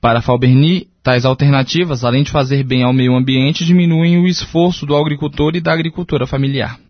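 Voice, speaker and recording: A man reading a scripted radio news report in an even, read-aloud manner. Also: mid-range voice, fairly quick, no echo. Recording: dry, dull lo-fi radio sound.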